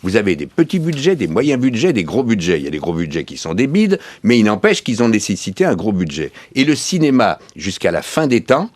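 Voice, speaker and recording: A man's voice: on the low side, very animated, brisk, hardly any pauses, darkish tone, no room sound. A man from France, a studio guest, giving long, explanatory answers in a radio interview and building his points with everyday comparisons.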